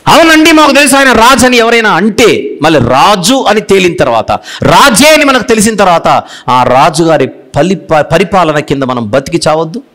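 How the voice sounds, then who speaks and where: A man preaching a sermon with a Telugu accent, repeating phrases for emphasis and swinging between loud declarations and low, hushed rebukes. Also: big pitch swings, normal speed.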